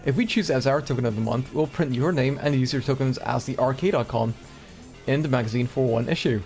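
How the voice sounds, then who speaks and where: A man's voice: medium pitch, a little fast, creaky, a little mellow, faint music behind. A man from Singapore streaming live, reading old magazine letters aloud with casual, chatty asides between them.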